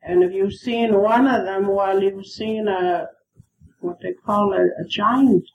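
A woman's voice: medium pitch, takes it slowly, vocal fry, lo-fi sound. A woman interpreting in an interview, hesitant and full of fillers, heard on old worn tape. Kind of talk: casual spoken translation. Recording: worn 1970s tape with faint hiss.

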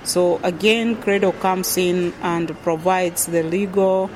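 A middle-aged Kenyan woman with a Kenyan accent, answering interview questions thoughtfully as a university lecturer, with many pauses and fillers. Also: fairly low pitch, steady tone, a little mellow, slight background noise, low-quality recording.

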